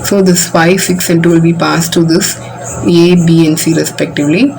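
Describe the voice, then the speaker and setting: A woman's voice: fairly low pitch, steady tone, moderate pace, gravelly, darkish tone, a little hiss or hum, poor audio. A woman teaching a computer science class. She walks patiently through code line by line, starting most sentences with "so". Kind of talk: classroom coding demo lesson.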